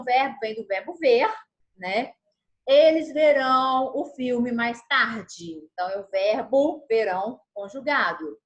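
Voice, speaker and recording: A woman teaching a grammar lesson over a video call. She explains patiently, slows down to stress the key words and keeps checking in with her listeners. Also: a little high. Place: home setup on a video call. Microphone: video call mic.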